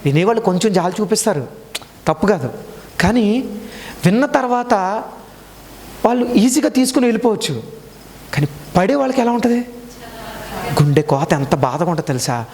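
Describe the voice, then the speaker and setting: A man delivers a sermon in an emphatic, repetitive preaching style. He keeps asking the congregation questions. His voice sits a little high, and a long reverb trails after it around the church hall. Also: very animated, moderate pace, pauses often, darkish tone. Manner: emphatic preaching with rhetorical questions and repeated phrases. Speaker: pastor.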